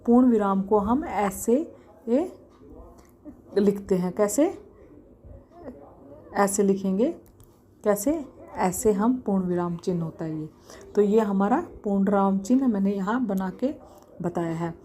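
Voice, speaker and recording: A young woman teaching a casual grammar lesson, often repeating examples slowly and asking herself questions as she explains. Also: mid-range voice, lively intonation, dark tone.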